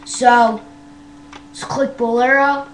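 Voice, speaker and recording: High-pitched, hesitant young woman from Canada. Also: fairly even intonation, takes it slowly. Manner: hesitant, many ums and wells. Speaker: vlogger. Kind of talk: casual screen-tour vlog. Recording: roomy echo with faint hum.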